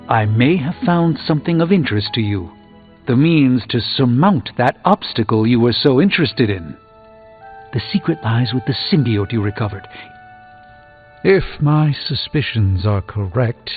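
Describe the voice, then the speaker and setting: A male actor voices a wry, erudite wizard doctor in a video game. His pitch sits mid-range for a man, and his delivery is formal, articulate and a touch self-important. The sound is thin and band-limited, with soft music underneath. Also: narrow, tinny audio, lightly acted. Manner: articulate, formal, dryly witty. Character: erudite, wry male sorcerer doctor, composed and a little pompous. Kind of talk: scripted video game character dialogue.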